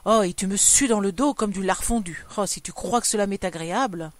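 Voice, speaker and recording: A woman reading a story aloud, voicing a scornful, nagging middle-aged wife in a shrill, scolding voice. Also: brisk, no room sound, lightly acted.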